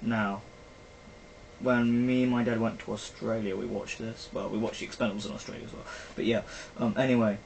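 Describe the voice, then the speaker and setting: A young British man's voice is lowish, creaky and a little mellow, delivered flatly at a fairly quick pace. As a vlogger he rambles casually about films, full of fillers, in a poor-quality recording with faint background noise.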